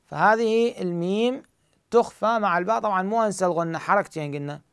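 A man with an Iraqi Arabic accent teaching tajweed, explaining the rules and slowly reciting verse examples. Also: sits high, fairly bright tone, clean tone, no echo, studio quality.

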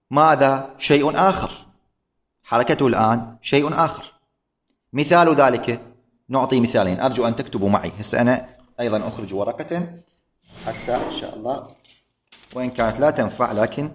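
A man teaching an Arabic grammar lesson, speaking slowly and deliberately and repeating key points. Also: medium pitch. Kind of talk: classroom lesson on verb forms.

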